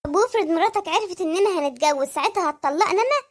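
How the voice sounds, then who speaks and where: Squeaky sped-up voice doing a greedy flirty mistress, Adlout. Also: animated. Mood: coy demanding. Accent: Egyptian Arabic. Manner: coy, demanding, fast. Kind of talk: comic cartoon dialogue.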